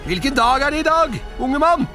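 Shrill old miser guy, yelling high and wobbly, voice swings all over, bit of music underneath. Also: sing-song, full character voice. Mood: giddy joy. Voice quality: high, strained, shouting voice. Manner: cries out in shrill exclamations. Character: old male miser, frantic and excitable. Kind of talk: storybook character voice.

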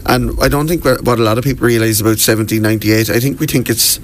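A man's voice: mid-range voice, fairly even intonation, fast talker. A man with a Wexford Irish accent chatting as a tour guide in a radio interview, telling things in an enthusiastic, informal way. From Wexford, southeast Ireland. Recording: clearly noisy background.

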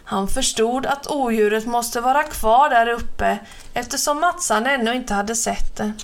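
A woman reads a children's adventure story aloud. Her voice sits a little high and carries the tale with steady expression. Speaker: narrator. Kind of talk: storybook reading.

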